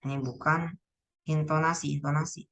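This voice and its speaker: A woman's voice: low-pitched, level tone, moderate pace, a little hiss or hum, rough recording. A teenage girl casually going over exam answers, thinking aloud and often correcting herself. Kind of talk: casual spoken exam walkthrough.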